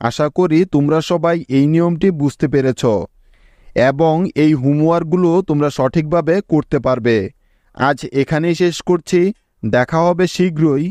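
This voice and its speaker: A man's voice: on the high side, moderate pace, a little mellow, dry recording. A man with a Bangladeshi Bengali accent teaching spelling step by step, patiently asking his pupils questions as he goes. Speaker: English teacher. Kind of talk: slow spelling lesson. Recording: dull, dry lo-fi recording.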